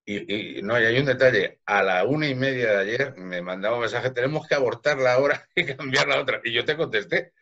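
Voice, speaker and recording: A man's voice: medium pitch, fairly quick, hardly any pauses, sharp tone. A man hosting an interview, friendly and full of compliments for his guest. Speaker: radio and TV host. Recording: dull lo-fi sound.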